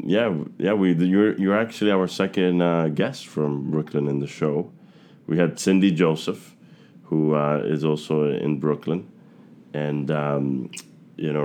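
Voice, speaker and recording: A man's voice: rumbling low, a little mellow. A young man from Queens, hosting a podcast interview, reading a scripted intro and then talking loosely with many fillers. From Queens, New York. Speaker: podcast host.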